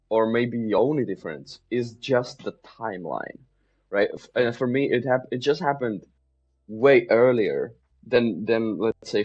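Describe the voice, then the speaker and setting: A man's voice: medium pitch, darkish tone, breathy edge. A man, chatting easily as a podcast guest and laughing readily. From Czech Republic. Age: 20s. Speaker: podcast guest, mindset coach. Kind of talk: casual interview chat. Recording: slightly dull lo-fi sound.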